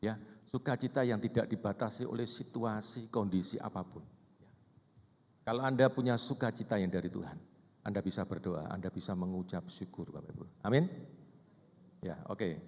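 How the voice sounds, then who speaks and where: A man's voice: lowish voice, normal speed, a little mellow. A man leading a church seminar for couples, often asking the audience questions and tagging "Bapak Ibu ya" onto his sentences. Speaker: seminar speaker. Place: church hall. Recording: hall with long reverb.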